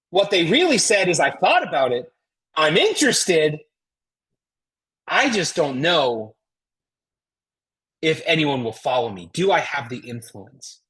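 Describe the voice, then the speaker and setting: Fairly low in pitch, a bit bright and husky, her American-accented voice carries a motivational sales coaching session. As a network marketing trainer, she's emphatic and folksy and keeps asking rhetorical questions.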